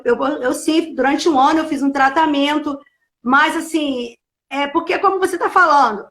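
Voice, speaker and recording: A middle-aged woman pastor hosts an online show and talks through a personal testimony with deep feeling. Her voice sits very high, and it swells toward near-shouting when she is most moved. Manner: heartfelt, at times rising to near-shouting. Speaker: pastor hosting a live show. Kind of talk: emotional personal testimony in casual chat.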